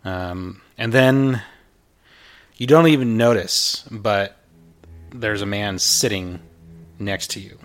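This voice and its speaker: A man narrating as game master of a tabletop game and hosting the show, in a rambling way full of pauses and fillers. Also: fairly low pitch, soft background music.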